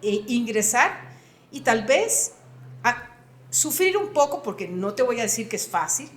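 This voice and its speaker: Speaking a little slowly but very animatedly, a retired computing professor in her sixties gives earnest, emphatic interview answers in a slightly high voice. She is from Costa Rica and has a Costa Rican Spanish accent. The sound is roomy.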